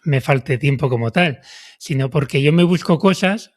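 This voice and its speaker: This is a man who hosts a podcast interview. He speaks in a slightly high voice, in a relaxed and easy way. He laughs readily and often restarts his sentences. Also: normal speed. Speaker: podcast host.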